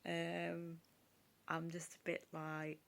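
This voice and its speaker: A young woman talks to her phone camera in a loose, confessional vlog. Her voice sits low with a gravelly fry. She sounds upset and close to tears, and she trails off and restarts often. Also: completely flat delivery, slow pace, a bit bright. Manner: rambling, emotional, many fillers and restarts. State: upset, tearful. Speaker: vlogger. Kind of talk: casual confessional chat to camera.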